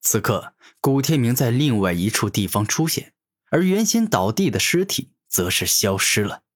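A man narrating a fantasy audiobook in an animated storytelling manner. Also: medium pitch, normal speed.

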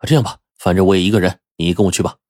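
A man's voice: sits low, fairly even intonation, rapid-fire, darkish tone, dry recording, studio quality. A man voicing a middle-aged male factory director who talks in a coaxing, insistent way.

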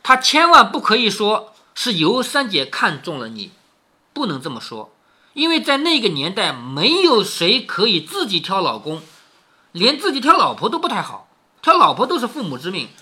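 Lively man explaining a classic story. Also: sits high, moderate pace, slightly rough. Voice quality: lively, questioning tone with frequent tag questions. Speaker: father reading a classic novel to his daughter.

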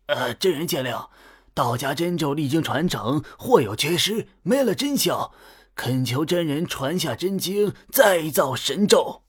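A man's voice: medium pitch, normal speed, a bit bright, lightly acted. A man voicing a humble, earnest old male Taoist priest who speaks deferentially and pleads. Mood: pleading.

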